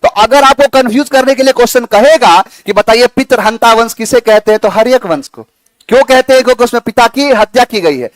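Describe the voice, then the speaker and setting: A man with a very high voice lectures a classroom in a chatty, coaxing way, repeating key words and spinning playful memory tricks. The sound is dry and close. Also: no echo. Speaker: English teacher.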